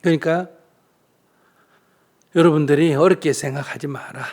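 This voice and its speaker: A man's voice: a little high, normal speed. A man, a Buddhist monk answering questions in a dharma talk, teaching through rhetorical questions and small acted-out dialogues. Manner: lively rhetorical questions, acts out little dialogues.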